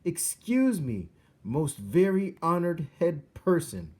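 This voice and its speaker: Man voicing a small polite mouse, pitched up. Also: sing-song, takes it slowly, a little mellow, exaggerated voice. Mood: calling out politely. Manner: formal, deferential address. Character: small, polite, pleading male mouse, earnest and brave.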